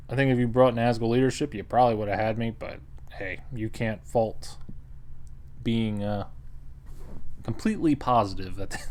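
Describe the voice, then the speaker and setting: A man giving a casual, wry recap of a board game he played, often laughing and quoting the table. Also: lowish voice. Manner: wry, chuckling, acts out table quotes.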